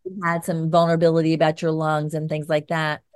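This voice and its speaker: A middle-aged woman hosts with a Georgia accent from the American South. Her voice sits a little low, and the sound is dry with very little room around it. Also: monotone, a little fast, darkish tone, smooth, no room sound. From Georgia, United States. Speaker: interviewer and show host. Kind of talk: conversational interview and spoken commentary.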